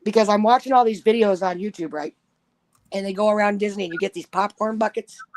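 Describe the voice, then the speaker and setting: A woman's voice: medium pitch, fast talker, a little mellow, no room sound. Woman telling a profane story, laughing. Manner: laughs through her stories, acts out the people she quotes. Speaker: storyteller in a podcast chat.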